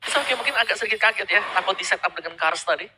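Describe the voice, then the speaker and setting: A man's voice: sits high, expressive, very fast, noisy background. An Indonesian man co-casting an esports match with analytical commentary on the plays.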